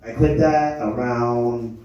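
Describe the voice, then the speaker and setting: A young man from Germany works a stand-up set, rambling through self-deprecating stories with frequent stumbles and restarts. His voice is mellow and dark, picked up from a distance in a very echoey club. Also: medium pitch, steady tone, slow, lo-fi sound. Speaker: stand-up comedian. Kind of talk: live stand-up comedy. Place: comedy lounge stage.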